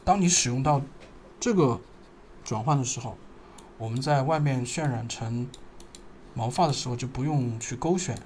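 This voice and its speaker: A man narrating a screen-recorded software tutorial, thinking aloud and pausing as he works. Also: medium pitch, slight background noise. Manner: thinking aloud, halting, pausing while working.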